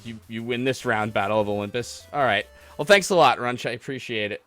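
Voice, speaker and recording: Bright and forceful, this man's medium-pitched voice moves at a brisk clip as he hosts a gaming livestream podcast. He chats casually with callers mid-game, rambling in a geeky, self-deprecating fashion over retro game music.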